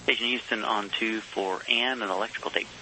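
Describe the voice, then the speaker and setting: A man's voice: fairly low pitch, fairly even intonation, a little fast, bright, forceful tone, a little hiss or hum, rough recording. A man working as a mission control communicator, giving procedural but conversational messages over a space radio link. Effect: space radio transmission.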